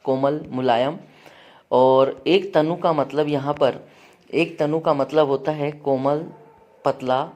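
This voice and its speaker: A man's voice: fairly high pitch, fairly even intonation, takes it slowly, darkish tone. A male teacher running an exam-prep grammar lesson, listing word meanings and checking in with students with frequent "है ना" and "ठीक है".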